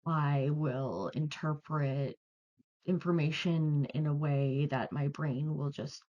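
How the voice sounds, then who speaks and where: A woman's voice: sits low, fairly even intonation, slow pace, lo-fi sound. A woman vlogger talking casually to camera, chatty, earnest and prone to digressions.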